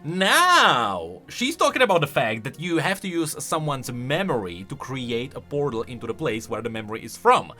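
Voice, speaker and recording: The host of a game lore channel, a man with a bright, forceful voice, gives casual commentary at a normal speed with few pauses. Highly animated and excitable, he thinks aloud as he goes over light background music.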